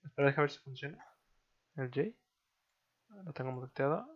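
A man's voice: mid-range voice, animated, normal speed, muffled recording. A man with a Mexican Spanish accent hosting a stream in casual chat over an online call, loose and joking, with lots of fillers. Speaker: stream host.

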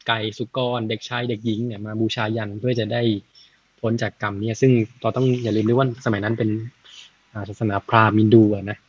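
A man retelling a Buddhist story in a casual, chatty way, often adding soft tag words and working out sums aloud. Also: lowish voice, flat delivery, quick pace, breathy edge, muffled recording. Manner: chatty, frequent "na" tags, thinks aloud with math.

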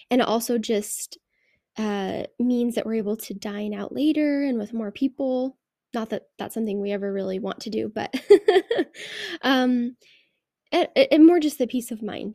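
A woman's voice: fairly high pitch, gravelly, dark tone, no room sound, studio quality. A woman in her thirties hosting a casual solo podcast, rambling and self-deprecating as she thinks aloud, recorded indoors under a blanket. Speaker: podcast host.

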